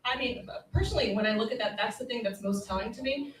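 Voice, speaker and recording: A sports journalist speaks as a panelist in a live sports discussion on a convention stage. Her voice is higher-pitched, quick and emphatic, and she sits far from the mic in an echoey room.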